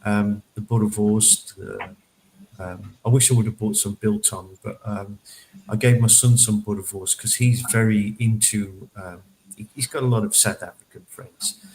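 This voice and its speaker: A man's voice: fairly low pitch, steady tone, normal speed, a little mellow, slight background noise, low-quality recording. A man chatting casually on a panel show, rambling with lots of fillers and repeated words. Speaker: panelist reporting on a local event. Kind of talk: casual chat.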